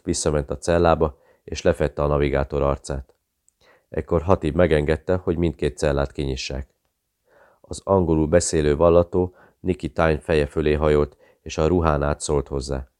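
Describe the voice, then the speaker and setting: A man's voice: very deep voice, fairly even intonation, a little mellow, clean tone, no room sound, studio quality. A man steadily narrating a thriller audiobook.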